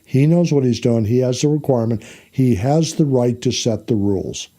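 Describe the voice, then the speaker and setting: Very dark-voiced man teaching a Bible lesson. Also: mid-range voice. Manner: explains plainly, checks in with the class by asking "okay?" and "all right?"; unhurried, with frequent fillers and self-corrections.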